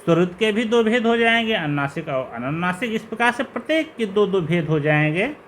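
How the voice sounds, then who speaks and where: A male teacher gives a slow, step-by-step lecture on grammar, going through terms one after another. His voice sits high and moves a lot, rising on each question. A faint hiss runs behind him. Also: sing-song, a bit bright. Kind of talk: classroom lecture explaining grammar.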